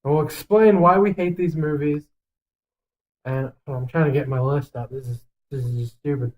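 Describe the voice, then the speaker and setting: A podcast co-host gives his opinions while working through a ranking list in a casual chat. He is blunt, foul-mouthed and emphatic, with a fairly high voice at a moderate pace, and the audio quality is poor.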